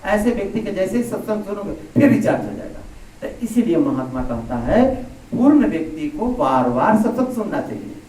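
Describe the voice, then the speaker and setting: A man's voice: sits high, a little mellow. A man giving a spiritual sermon to a gathering over a microphone. He explains with plain everyday comparisons and repeats phrases for emphasis. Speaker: spiritual teacher. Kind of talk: satsang sermon. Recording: echoey hall, speaker heard from a distance.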